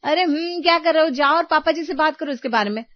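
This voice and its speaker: Woman voicing a young daughter-in-law, complaining, pleading, high voice, lo-fi sound. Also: fast talker, no room sound, lightly acted. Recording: dull lo-fi recording.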